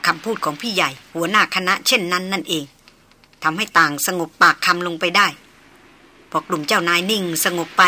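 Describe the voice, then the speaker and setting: A woman narrates a novel in an audiobook. Her voice is bright and forceful, and her delivery is even and measured. A faint hiss runs beneath the recording. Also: mid-range voice.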